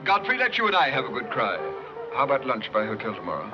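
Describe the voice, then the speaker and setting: A jovial, teasing man-about-town fires off quick screwball comedy banter in a mid-pitched voice. It is a 1930s film soundtrack, muffled, with music behind. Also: wildly swooping pitch. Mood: playful. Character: jovial, teasing, curious society gentleman friend.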